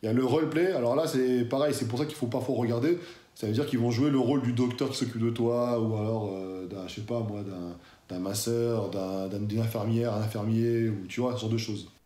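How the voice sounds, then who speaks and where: A fitness YouTuber talks straight to his audience in a relaxed, slangy way, full of familiar asides. The man's voice is mellow and warm, of middling pitch. The sound bounces around a bare, echoey room. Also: brisk. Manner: chatty, slangy, addresses viewer as "tu". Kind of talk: casual talk to camera.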